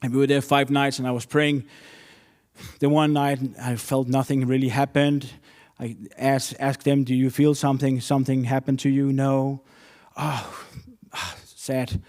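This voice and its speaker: A man's voice: mid-range voice, steady tone, measured pace, a little mellow. Earnest man preaching a sermon. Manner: earnest, storytelling with non-native English phrasing.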